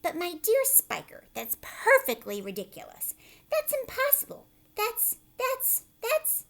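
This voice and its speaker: A greedy older aunt in a children's storybook, played by a woman reading aloud. She is loud, demanding and full of scornful disbelief, with a lively, swinging pitch. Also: measured pace, exaggerated voice. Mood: incredulous.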